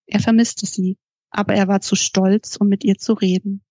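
A woman author reading aloud from her own novel at a steady, even pace. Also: mid-range voice, normal speed, dry recording.

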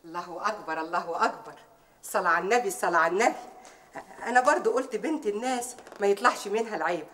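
An actress with an Egyptian Arabic accent playing a bold, sharp-tongued housemaid who speaks in proverbs. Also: female voice, medium pitch, quick pace, a little hiss or hum, lightly acted. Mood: sly. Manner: proverb-spouting, brash, mocking. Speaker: housemaid confronting her employer's rival. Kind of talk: TV drama acting.

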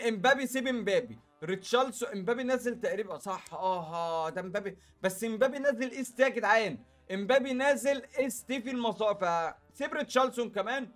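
A young Egyptian man with a very high voice talks fast through casual gameplay commentary. He speaks directly to his viewers in a chatty way, full of quick asides, and faint music plays behind him. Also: fairly bright tone. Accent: Egyptian Arabic. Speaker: gaming YouTuber.

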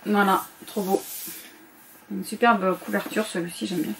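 A woman's voice: mid-range voice, fairly even intonation, measured pace, creaky, a bit bright, a little hiss or hum. A woman book vlogger in a casual chat to camera, going through her reading list and often hesitating and correcting herself.

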